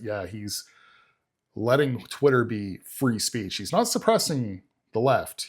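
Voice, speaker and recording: A man's voice: medium pitch, breathy edge. A man hosting a reaction channel, talking casually and rambling as he searches for words. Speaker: political reaction channel host. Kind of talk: casual commentary reacting to clips.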